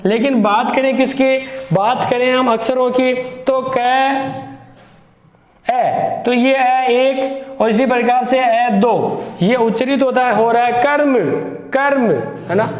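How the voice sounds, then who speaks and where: A man with a very high voice teaches a grammar lesson to exam students. He goes slowly, says each example word several times and questions his students as he builds the point. The sound is echoey, with the room ringing around him. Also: steady tone, slight background noise. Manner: slow, repeats words aloud to show how they sound; explains step by step and asks the students questions.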